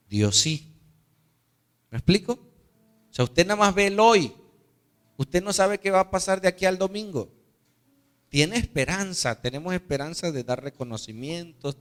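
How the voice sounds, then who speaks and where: Slow-talking pastor preaching. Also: male voice, medium pitch. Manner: conversational, storytelling, checks in with listeners. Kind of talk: sermon.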